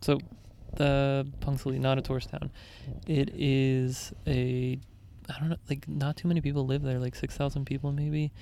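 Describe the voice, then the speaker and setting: A man's voice: mid-range voice, flat delivery, normal speed, hardly any pauses, warm tone, a little hiss or hum. A young man chatting casually about travels, easygoing and explanatory, with frequent fillers.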